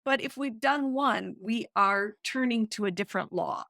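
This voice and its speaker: A middle-aged woman, a guest author and counselor, explaining with excited emphasis in a podcast interview. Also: a little high, moderate pace, creaky, no room sound, studio quality.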